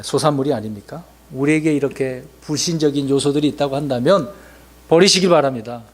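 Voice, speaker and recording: A man pastor preaching a sermon, asking rhetorical questions and acting out people's excuses. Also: mid-range voice.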